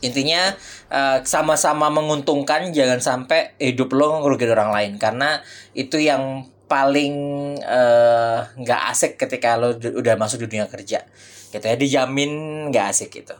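A man co-hosting a casual podcast. He gives career advice in a relaxed way, mixing slang with English words. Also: medium pitch, moderate pace. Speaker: podcast co-host.

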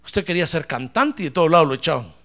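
High, bright-toned pastor; fiery sermon delivery, gravelly edge, swinging pitch. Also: male voice, expressive, fast talker. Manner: fiery preaching, shouting praise; addresses listeners as brother.

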